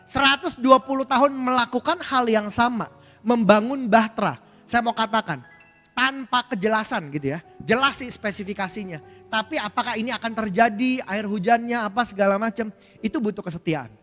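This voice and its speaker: High-voiced man preaching in a church hall. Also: brisk, fairly bright tone. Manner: conversational preaching, frequent filler tags, addresses the congregation. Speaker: pastor. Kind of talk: sermon. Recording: church hall reverb with faint music.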